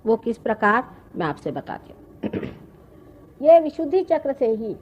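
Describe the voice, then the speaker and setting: A woman, giving a slow, explanatory spiritual discourse with pauses. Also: on the high side, very animated, darkish tone. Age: 50s. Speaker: spiritual teacher. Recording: archival talk recording.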